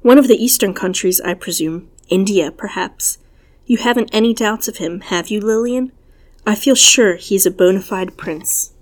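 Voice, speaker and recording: A woman reading a calm, formal husband. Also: medium pitch, moderate pace, lightly acted. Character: calm, courteous husband and host, adult man. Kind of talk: storybook reading.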